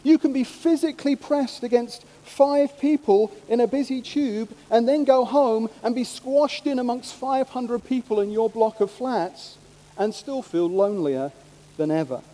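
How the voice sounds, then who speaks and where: A man preaching a sermon, humorous and animated, slipping into mimicked voices. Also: very high voice, measured pace. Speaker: pastor. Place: church hall. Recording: long hall reverb.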